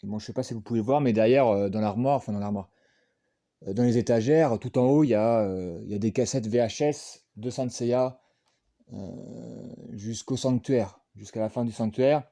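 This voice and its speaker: Rambling man unboxing, mellow dry voice. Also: mid-range voice, moderate pace, no echo. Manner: rambling, hesitant, many fillers and self-mocking asides. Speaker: unboxing vlogger. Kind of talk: casual unboxing chat.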